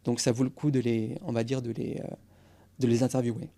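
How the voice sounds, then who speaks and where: A man's voice: mid-range voice, fairly even intonation, brisk, gravelly, warm tone. A man in his forties, a guest on a podcast interview, explaining go-to-market strategy with energy and English business jargon.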